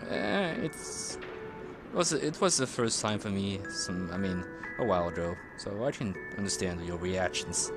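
Over video game music, a man streams gameplay in a low, animated voice at a measured pace. His commentary is chatty and playful, full of reactions and repeats of what the characters say.

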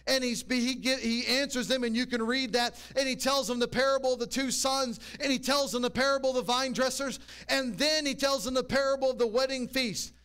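A man's voice: very high voice, sharp tone, smooth. A man preaching a sermon in a church, walking the congregation through scripture and checking in with rhetorical questions. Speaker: pastor.

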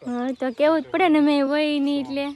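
A woman's voice: high-pitched, fairly even intonation, fast, darkish tone. A woman with a Gujarati accent chatting playfully and modestly on a family vlog, filmed on a handheld phone. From Gujarat, India. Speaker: family member, vlogging. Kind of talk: casual family vlog chat.

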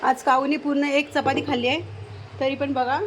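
A woman's voice: sits high, flat delivery, moderate pace, slight background noise. A woman chatting casually to camera at home while coaxing and calling out to a crow. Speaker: vlogger.

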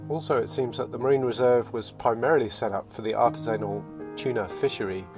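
A man narrating his sailing vlog in a relaxed, reflective voice-over, often restarting his phrases. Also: mid-range voice, a little fast. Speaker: sailing vlogger. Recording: voice-over with loud music behind.

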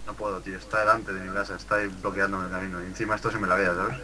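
A man with a fairly low voice rattles off quick, joking commentary while playing a game. He swears often and rambles, and his talk sits over clear background hiss. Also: level tone. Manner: swears a lot, rambling and jokey. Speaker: gamer co-host. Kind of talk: casual gameplay commentary.

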